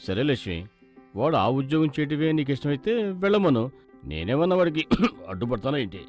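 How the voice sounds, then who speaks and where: A stern, stubborn father, played by a man who brushes off his family with dry, measured remarks. His voice rests at an ordinary middle pitch. Faint film music plays underneath. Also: very animated, darkish tone, lightly acted. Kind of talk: film comedy dialogue.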